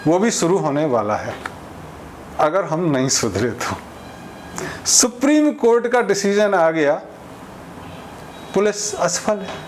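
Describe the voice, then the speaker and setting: This is a man with a fairly high pitch delivering informal social commentary in a conversational style. He explains through ordinary examples and imagined back-and-forths, with a little hiss or hum audible.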